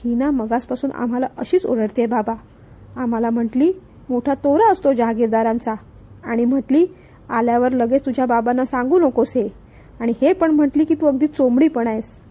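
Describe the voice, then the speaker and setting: A woman's voice: on the high side, normal speed, dark tone, lightly acted. A woman reading the lines of a bossy, sulky little girl in a storybook reading. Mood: pouting. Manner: childish pouting talk.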